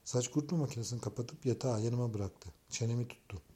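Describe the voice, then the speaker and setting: A man reading a novel aloud in scripted first-person narration, with an even, measured delivery. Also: mid-range voice. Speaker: audiobook narrator.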